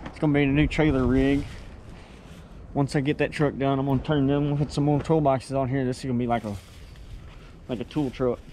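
A man's voice: mid-range voice, a little fast, pauses often, a little hiss or hum. A young man talking casually through his farm work, rambling as he goes. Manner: relaxed, rambling, talks while working. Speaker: farm vlogger. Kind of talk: casual first-person workshop vlog. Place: outdoors on a farm and in a workshop.

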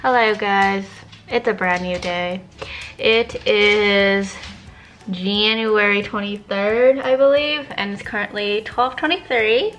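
A woman's voice: mid-range voice, fairly even intonation, slow pace, a bit bright, faint music behind. A woman in her twenties, a nursing student, chatting casually to camera in a vlog, full of "like" and "um". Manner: chatty, filler-heavy, uses "like" a lot.

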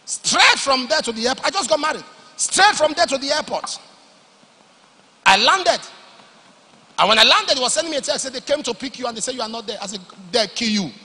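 A man preaching a sermon, moving between loud emphatic declarations and low, confiding storytelling. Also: animated, brisk, husky. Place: large church hall. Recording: long hall reverb.

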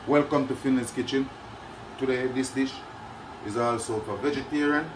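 A man's voice: medium pitch, steady tone, normal speed. A middle-aged man hosts a casual cooking demonstration in a small home kitchen, talking chattily and checking in with "yeah?" and "you know what I mean?". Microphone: camera mic at a distance. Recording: echoey kitchen, distant camera mic, noisy.

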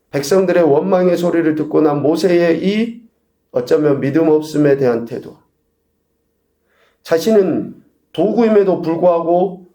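Man preaching, fairly high voice, mellow tone, rhetorical questions, echoey church hall. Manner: preaching with rhetorical questions and sudden shifts in volume. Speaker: pastor. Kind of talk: sermon. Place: church sanctuary.

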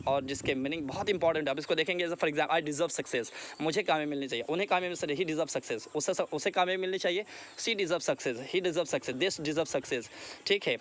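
A man teaching a lesson, slowly repeating each word twice as a drill. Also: fairly high pitch, a bit bright, a little hiss or hum. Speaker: English teacher. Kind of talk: Hindi-English language lesson.

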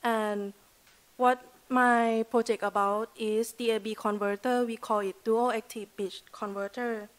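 A woman's voice: a little high, steady tone, unhurried. A woman in her twenties from Thailand with a Thai accent gives an earnest student presentation at a podium microphone, with loose grammar and many "like" fillers. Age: 20s. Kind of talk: prepared presentation speech. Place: lecture hall at a podium.

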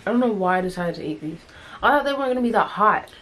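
A woman talks casually while eating on camera, whining about the heat of her food. Her pitch sits mid-range, and she protests and laughs at herself. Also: expressive, very fast, a bit bright. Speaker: vlog co-host.

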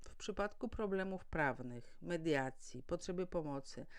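Low-pitched yet animated, a woman legal adviser and mediator speaks at a measured pace. She explains matters to listeners in a formal, pedagogical way, posing questions and answering them on her own.

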